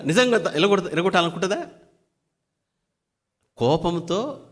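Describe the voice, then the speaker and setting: A man's voice: on the high side, long reverb tail. A man preaching a daily devotional sermon who keeps firing rhetorical questions at his listeners. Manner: fires repeated rhetorical questions.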